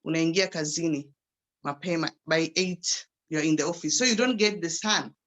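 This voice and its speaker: A woman's voice: deep voice, moderate pace, a bit bright. An older Kenyan woman, a grandmother from Kenya, giving a personal testimony over a video call in a conversational way, often restarting her sentences. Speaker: guest speaker.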